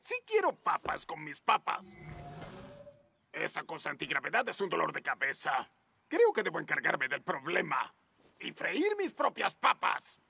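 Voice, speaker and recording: A grouchy middle-aged mad scientist from a cartoon, with a Latin American Spanish accent. His voice is full of creak and swings widely in pitch. He takes his time, theatrical and self-indulgent, over background music. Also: huge pitch swings, measured pace, bright, forceful tone, a little hiss or hum, heavily acted. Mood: scheming, grumbling.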